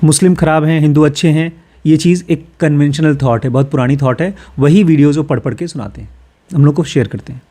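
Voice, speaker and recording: A course teacher from Uttar Pradesh, India, talks fast in a slightly high, dark-toned voice. He reads English passages from a self-help book, then discusses them casually, drawing on ordinary personal experiences.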